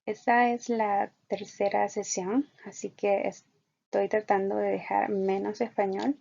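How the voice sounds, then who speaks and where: A woman teaching an online English lesson, explaining patiently and repeating example sentences slowly. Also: mid-range voice, little pitch movement, gravelly, darkish tone, husky. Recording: dull lo-fi recording.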